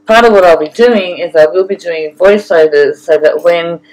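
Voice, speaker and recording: A woman with an Australian accent reading a scripted audio-guide narration in a deliberate way, addressing the listener directly. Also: on the low side, darkish tone, rough recording. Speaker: photographer and travel guide narrator.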